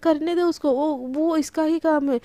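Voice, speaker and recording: A hoarse woman voicing a rustic village father who speaks bluntly. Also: high-pitched, fairly even intonation, moderate pace, dark tone, no echo, close to an everyday voice.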